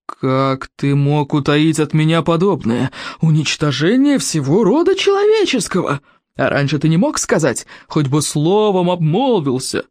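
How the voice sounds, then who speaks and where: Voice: mid-range voice, big pitch swings, normal speed, a little mellow, dry recording, close to an everyday voice. Reader doing big angry viking chief, blustering, indignant, dry close sound. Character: huge angry Viking chief, boy's father. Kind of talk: audiobook reading.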